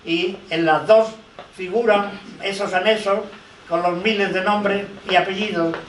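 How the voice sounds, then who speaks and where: In an echoey hall captured by a distant mic, an older man gives a conference talk as a panelist; he is a lawyer and researcher. His high, fairly bright voice is unhurried with fairly even intonation, and he weaves in anecdotes and quoted dialogue over a little hiss or hum.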